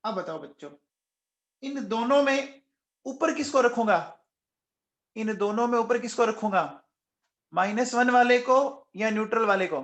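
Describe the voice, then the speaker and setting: This man teaches chemistry in a live online class, speaking in a very high voice at a measured pace with frequent pauses. Again and again he coaxes and quizzes the students, raising his voice for answers and remarking that he's shouting nonstop. The sound is reverberant.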